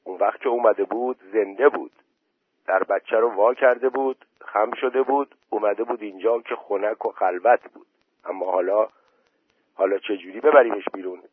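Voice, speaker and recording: Man voicing a village headman, worried, practical, husky, low voice. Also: steady tone, no room sound. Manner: practical, fretful questions. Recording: dry tinny phone-like voice message.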